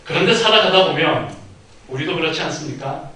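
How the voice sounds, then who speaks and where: A man preaching a Sunday sermon as pastor, telling the story vividly and acting out quoted lines with sudden loud outbursts. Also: a little high, lively intonation, fairly quick. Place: church sanctuary. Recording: very echoey hall, mic at a distance.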